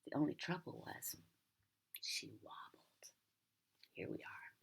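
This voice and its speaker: A sweet old American lady, a grandmother, reads a picture book aloud to a child in a gentle, breathy, husky near-whisper with chatty asides. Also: slow pace. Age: older.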